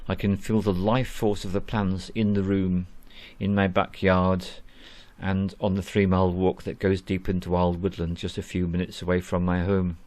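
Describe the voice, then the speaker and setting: A man narrating his spiritual experience in a slow, calm, earnest way from a small room at home. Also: sits low, no echo. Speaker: spiritual vlogger.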